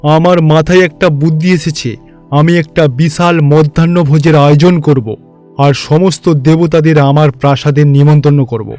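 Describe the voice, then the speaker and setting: A man performs a pompous, gloating, theatrical god of wealth, vain and boastful yet fawning toward superiors, in Bengali cartoon fairy-tale voice acting. His slightly high, darkish voice keeps a fairly even intonation at a moderate pace, lightly acted and proud. Faint music plays underneath.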